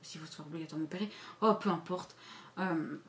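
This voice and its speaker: A woman chatting candidly to camera in a casual vlog, crude and playful, jumping between loud remarks and mumbled asides. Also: low voice, fast, slight background noise. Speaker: YouTuber.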